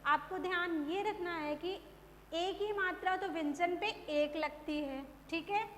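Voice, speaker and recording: A woman teacher giving a phonics lesson to children, drawing out each word slowly and stressing syllables, then explaining briskly. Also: high voice, a bit bright. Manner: slow drawn-out drilling of words, then brisk explanation. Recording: echoey room, faint hum.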